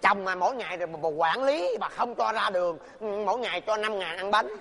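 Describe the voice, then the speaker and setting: A man's voice: sits high, lively intonation, fast, gravelly, pushed and bright, big-room sound, a little hiss or hum, exaggerated voice. A man playing a henpecked older husband in a comedy sketch, pleading and whining about his wife.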